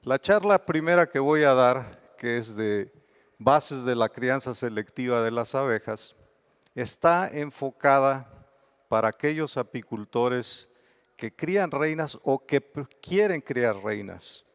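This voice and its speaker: A man's voice: medium pitch, animated, slow pace, clear, resonant tone. A middle-aged man with a Mexican accent giving a conference lecture, explaining terms patiently with examples. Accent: Mexican Spanish. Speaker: bee researcher giving a lecture.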